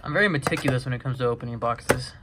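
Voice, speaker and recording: A young man casually vlogging a card break, reading out player names and getting excited over good pulls. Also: mid-range voice, very fast, noisy background. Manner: excitable, chatty, reads player names off cards one by one. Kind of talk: casual card-opening vlog.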